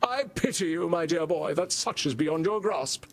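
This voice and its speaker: An actor playing a pompous, vain vampire stage actor in a video game, with slow theatrical villain menace and grandiose archaic diction. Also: male voice, fairly high pitch, lively intonation. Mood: wounded, condescending.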